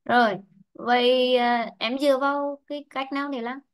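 A woman teaching English online, explaining word-stress rules slowly and repeating herself with many fillers. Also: high-pitched, steady tone, smooth. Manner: repetitive, drawn-out explaining with frequent fillers. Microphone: online lesson mic.

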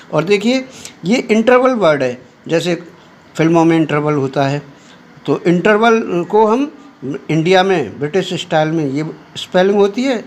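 A man with an Indian accent teaching a lesson in Hindi and English, speaking slowly and deliberately with many fillers. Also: high-pitched. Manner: slow and deliberate, many "uh" fillers, addresses students as children.

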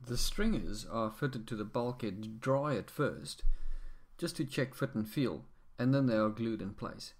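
A man giving a measured, practical voice-over about building a boat at home. He sits in an ordinary mid-range pitch and explains each step plainly. The tone stays even and instructional throughout. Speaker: amateur boatbuilder.

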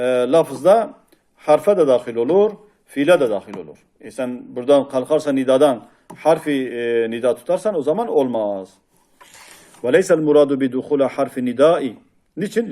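Man teaching Arabic grammar, mellow. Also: medium pitch. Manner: reads Arabic passages then explains them in Turkish, with frequent hesitation sounds. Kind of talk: lecture explaining a classical text.

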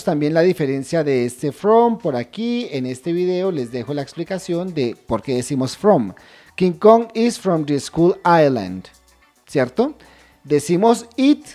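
Low, mellow-voiced woman teaching English. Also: sing-song, faint music behind. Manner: repeats English phrases slowly and deliberately; addresses viewers as a group, checks understanding often. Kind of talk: screen-share language lesson.

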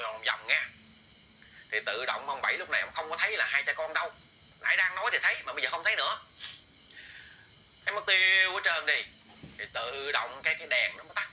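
A man's voice: on the high side, sharp tone, slight background noise, poor audio. A man telling a ghost story in casual chat, repeating words and speaking straight to his listeners. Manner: rambling with many repeated words, addresses listeners directly.

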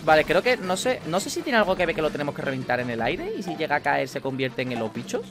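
A young man with a Spanish accent from Spain, chatting casually while playing a video game, excitable and swearing at the game. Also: a little high, fast. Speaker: gaming YouTuber. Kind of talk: casual gameplay commentary. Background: video game music.

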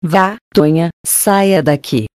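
A woman reading an audiobook, voicing a brave, kind young woman who speaks firmly and calmly. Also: fairly low pitch, takes it slowly, no echo, studio quality. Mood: commanding. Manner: firm, calm.

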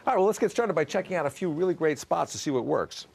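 A man's voice: fairly high pitch, expressive, fast, gravelly, breathy edge. A middle-aged man hosting a comedy show with dry, sarcastic scripted banter.

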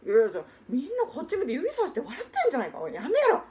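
A woman voicing a gruff working-class father who talks bluntly in rough street speech, in a rakugo-style stage story. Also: high voice, wildly swooping pitch, racing, mellow. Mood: exasperated. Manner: blunt, brusque, rough old-Tokyo street talk.

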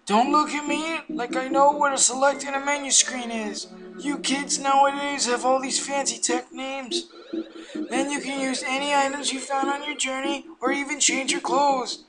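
A man voicing a fussy elderly male steward from a video game, who talks slowly and formally with a quaver. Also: very high voice, level tone, voice pushed up. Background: game music.

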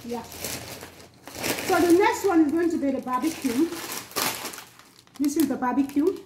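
A woman's voice: high-pitched, lively intonation, measured pace. A woman in her thirties giving a casual snack-tasting review, thinking aloud and murmuring as she crunches chips. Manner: musing aloud while crunching chips, murmuring mm and hmm between phrases. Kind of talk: casual food-tasting vlog. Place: small bare indoor room. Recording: echoey room, clear background noise, crinkling packets. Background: crinkling chip bags, crunching, noise.

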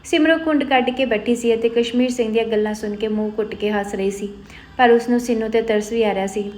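A woman narrating a story in a steady storytelling manner. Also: on the high side, quick pace.

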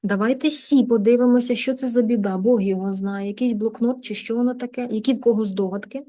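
A Ukrainian woman teaching a beginner English class online, in a lively, coaxing manner, repeating words to drill pronunciation. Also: a little high, fast talker. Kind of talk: live online lesson.

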